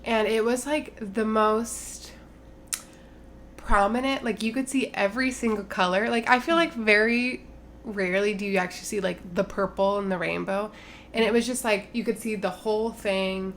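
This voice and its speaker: A woman's voice: mid-range voice, steady tone, normal speed, a bit bright, a little hiss or hum. A woman in her twenties, co-hosting a podcast in casual chat, talking with plenty of fillers and "like". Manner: chatty, lots of fillers and "like". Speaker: podcast co-host.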